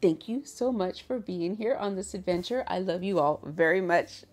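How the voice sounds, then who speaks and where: A woman chatting casually as she hosts a reaction video from her bedroom, animated and laughing often. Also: on the low side, normal speed.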